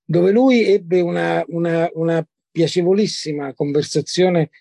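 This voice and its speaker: A man's voice: a little high, measured pace, vocal fry, warm tone, dry recording. An older man from Italy recalling past encounters as a guest, hesitant, with many fillers and repeated words. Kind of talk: conversational recollection.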